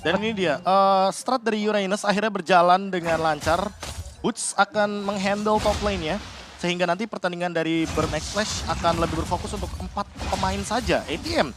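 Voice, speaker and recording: Fast, high-voiced Indonesian male esports analyst. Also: steady tone, over music. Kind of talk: live analytical game commentary.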